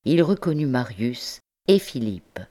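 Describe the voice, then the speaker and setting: A woman reading a novel aloud as an audiobook narrator, slow and measured, lifting her voice for the characters' speech. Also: rumbling low, sing-song, dark tone. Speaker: audiobook reader. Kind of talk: scripted narration.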